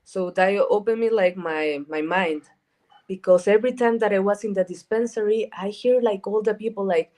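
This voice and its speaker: A woman from Rica, a guest chatting casually in an interview, talking in a halting way with repeated words and lots of fillers. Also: medium pitch, darkish tone. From Costa Rica. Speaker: guest, cannabis events organizer.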